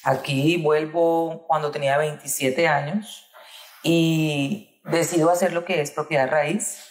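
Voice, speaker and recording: A woman's voice: deep voice, fairly even intonation, slow. Colombian woman telling her story, echoey. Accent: Colombian Spanish. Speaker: guest, insurance agent. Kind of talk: interview conversation.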